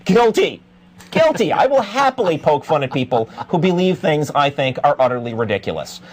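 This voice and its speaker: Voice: medium pitch, big pitch swings, a little fast. A call-in show co-host arguing with a caller in a blunt, incredulous, sarcastic way. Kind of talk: argumentative unscripted talk with a caller.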